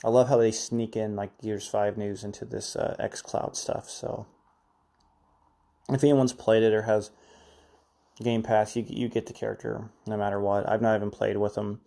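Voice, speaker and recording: Male podcast host, mellow and relaxed tone, rambling casual news chat, slightly sick with cough drops. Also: lowish voice, moderate pace, creaky. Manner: rambling, chatty, filler-heavy news recap.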